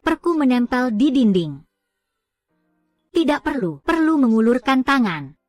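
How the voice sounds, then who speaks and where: High-voiced woman reading a film recap. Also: big pitch swings, unhurried, no room sound, soft background music.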